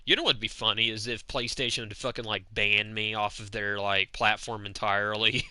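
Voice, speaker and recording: A man's voice: on the low side, flat delivery, normal speed, sharp tone, no echo. A man live-streaming a video game, chatting casually to a friend while he plays, joking and swearing often. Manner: profane, joking, thinks aloud. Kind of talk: casual gameplay chat. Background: game music.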